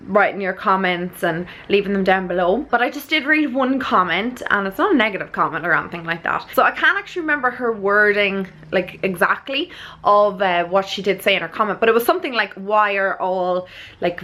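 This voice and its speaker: A woman's voice: mid-range voice, pushed and bright. A woman with an Irish accent chatting casually to camera as a vlogger, earnest and rambling, often checking that she makes sense.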